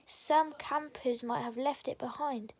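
A woman's voice: high-pitched, steady tone, a little slow, a little mellow, breathy edge, exaggerated voice. A woman voicing a cautious, doubtful young girl in a storybook, sounding wary and breathless.

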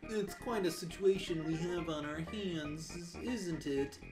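A woman voicing a patient old male frog sage from a video game, speaking as a wise mentor in measured, formal phrases. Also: fairly low pitch. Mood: grave, kindly. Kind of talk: dramatised video game dialogue reading. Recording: music behind the voice. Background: plucked-string game music.

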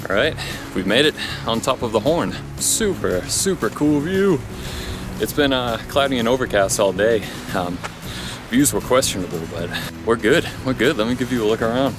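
Over music, a man of medium pitch speaks expressively at a moderate pace. He's a hiker vlogger in his thirties filming outdoors on a forest trail with a handheld action camera on a pole, chatting and thinking out loud as he goes.

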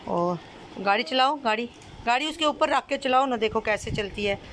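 A woman's voice: fairly high pitch, animated, moderate pace, fairly bright tone. A woman recording a casual family vlog at home, coaxing and soothing a crying child and chatting to the camera. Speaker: family vlogger. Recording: noisy home phone recording.

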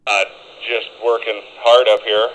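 Man, over cb radio, deep voice, distant, faint background hiss. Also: flat delivery, a little slow, fairly bright tone. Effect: over a two-way radio.

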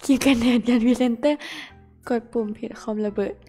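A young woman from Thailand chatting playfully and excitably with viewers as she streams a game. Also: a little high, fairly quick, faint music behind. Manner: playful, excitable, talks to viewers while playing. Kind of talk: casual game streaming chat.

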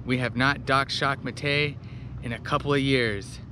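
A man's voice: medium pitch, fairly even intonation, moderate pace, background noise. A young man talking casually to the camera from a sailboat cockpit at sea, earnest and thankful. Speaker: sailing vlogger. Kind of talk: casual vlog talk to camera.

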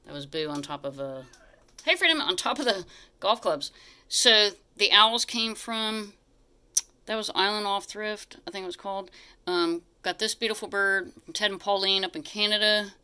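A woman's voice: medium pitch, normal speed, bright, forceful tone, clear, resonant tone. A middle-aged woman giving a casual, chatty live home tour in a small room, often getting sidetracked as she narrates behind a handheld phone. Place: small furnished living room, indoors. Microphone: handheld phone held by the person filming.

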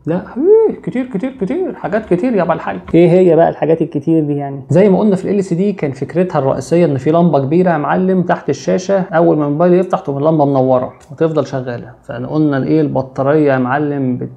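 Gravelly joking Egyptian tech host. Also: male voice, on the high side, rapid-fire, hardly any pauses, dark tone. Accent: Egyptian Arabic. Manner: joking, chatty, addresses listener with street slang. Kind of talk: comic tech explainer.

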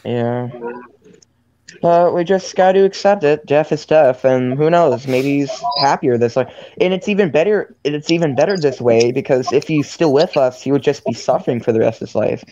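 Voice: mid-range voice, moderate pace, dark tone, dull audio. A participant in a casual voice chat, rambling and earnest, with many fillers.

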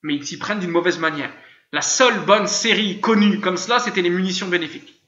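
A man's voice: high voice, a little fast, pushed and bright. A man giving an informal online religious lesson, talking in a conversational, rambling way with many fillers and repeated phrases. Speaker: religious teacher. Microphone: computer microphone in a voice-chat room. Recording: dull, echoey online voice-chat audio.

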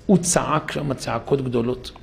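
A man's voice: mid-range voice, fairly even intonation, gravelly. A man, a rabbi, telling a story in a sermon at a synagogue, dramatic and acting out the characters.

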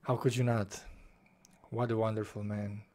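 In a lowish, slightly mellow voice with flat delivery and normal speed, a young man reviews a book casually. His first language is Romanian; he sits in a small bedroom at home before a desk microphone, webcam-framed. He's passionate about it, gesturing with both hands and restarting phrases as he goes.

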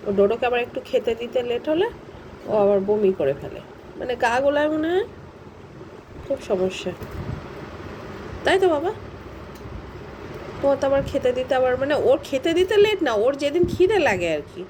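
A woman's voice: high voice, big pitch swings, normal speed, pauses often. A woman filming a casual home vlog, coaxing her pet dog in affectionate baby talk. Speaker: dog owner. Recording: traffic noise behind.

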